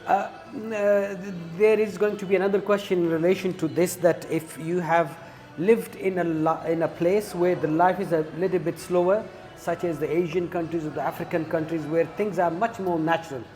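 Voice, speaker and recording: A man hosting a casual interview in a coffee shop, speaking haltingly with many fillers and restarts. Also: high voice, steady tone, darkish tone, faint music behind. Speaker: interview host.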